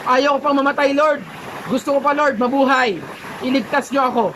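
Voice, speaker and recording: A man voicing a desperate, stubborn man who prays for rescue. The voice is high and pleading, with faint noise underneath. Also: fairly even intonation, a little fast, fairly bright tone, rough recording. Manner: pleading, then defiant and angry. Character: desperate, stubborn man praying on a flooded roof.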